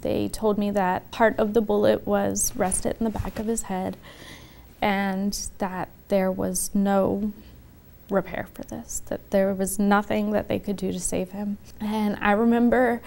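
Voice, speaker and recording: A woman being interviewed for a documentary, recounting in a halting, soft-spoken way with many pauses. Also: mid-range voice, flat delivery, gravelly. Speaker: interviewee, widow.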